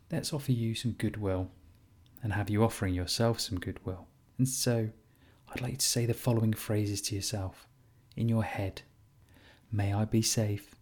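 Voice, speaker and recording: A man leading a guided compassion meditation as a teacher, speaking in a gentle, soothing, unhurried way with pauses. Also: fairly low pitch.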